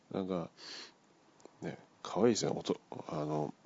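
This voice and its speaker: Deep gravelly guy telling a dream story, doing everyone's voices, muffled dry recording. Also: fairly even intonation, takes it slowly, mellow. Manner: acts out the voices of people in the story. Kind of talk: casual retelling of a dream.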